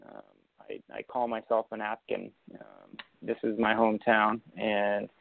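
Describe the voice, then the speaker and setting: A man's voice: on the low side, flat delivery, a little slow, vocal fry, no room sound. A young man from Argentina, a winemaker guest, talking casually and rambling with many fillers and restarts over a thin, phone-like line. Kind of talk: casual interview chat. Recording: tinny phone-like line, dry.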